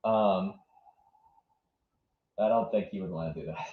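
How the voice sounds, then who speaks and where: Speaking low and unhurried, this young American streamer from southwest Virginia reacts live to a match, musing out loud and replying to chat in a loose, rambling way. The recording carries a flat, echoing room tone.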